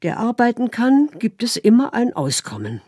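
A woman's voice: on the high side, huge pitch swings, moderate pace, a little mellow, slightly rough, no room sound, studio quality, voice pushed up, exaggerated voice. A woman voicing a deceived young wife who heaps accusing, pleading questions on her husband. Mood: defiant.

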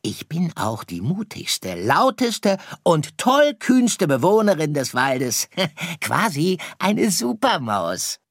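Cocky little storybook mouse heroine, a man reading her, boastful, unhurried. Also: a little high, wildly swooping pitch, dry recording, studio quality, heavily acted. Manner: boastful, giggly. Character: cheeky brave little female mouse. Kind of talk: audiobook reading.

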